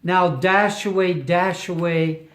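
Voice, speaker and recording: In a roomy home recording full of echo, an older relative reads a storybook to a baby, affectionate and playful with emphatic delivery and chatty side remarks. The mid-range voice is slow, steady in tone, and a bit bright.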